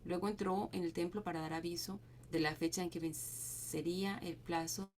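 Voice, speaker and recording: A woman reading scripture aloud to a group, steady but with small stumbles and restarts. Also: on the low side, moderate pace. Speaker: Bible reading leader.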